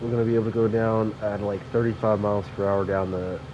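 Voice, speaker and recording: Speaking quickly in a lowish, fairly even voice, a young man commentates a train simulator, sniffling from allergies. His talk is loose and rambling, packed with fillers and self-corrections, and the dull lo-fi mic picks up noticeable background noise.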